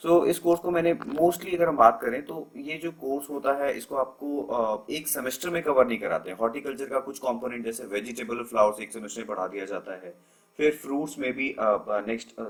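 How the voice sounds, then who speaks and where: A man's voice: medium pitch, low-quality recording. A young man teaching an agriculture lecture over slides, explaining terms patiently and mixing English into his talk. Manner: explanatory, mixes English terms into Hindi, frequent fillers.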